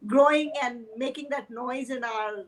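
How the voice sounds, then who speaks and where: Higher-voiced woman, thoughtful guest. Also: a little slow, poor audio. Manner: thoughtful, hesitant with fillers. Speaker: life coach guest. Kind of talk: casual interview chat.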